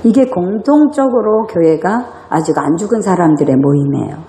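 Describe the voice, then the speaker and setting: Animated woman preaching in an echoey church. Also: on the low side, normal speed. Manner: animated preaching with rhetorical questions and acted quarrels. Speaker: pastor. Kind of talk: sermon. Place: church sanctuary.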